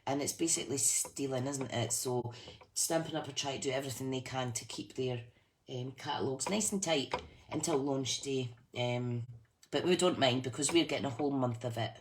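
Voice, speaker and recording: Scottish woman w a fife accent, lowish voice, chatty casual livestream, noisy recording. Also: fairly quick. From west of Scotland. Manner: chatty, informal, addresses listeners as guys. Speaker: craft business demonstrator and team leader. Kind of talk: casual live chat to viewers. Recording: clearly noisy room recording.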